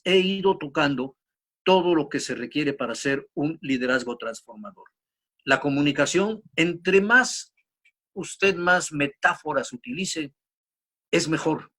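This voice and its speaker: Higher-voiced man telling a business parable. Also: slightly rough. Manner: storytelling, acts out shouts and echoes. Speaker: radio show host. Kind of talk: motivational business talk with a told parable.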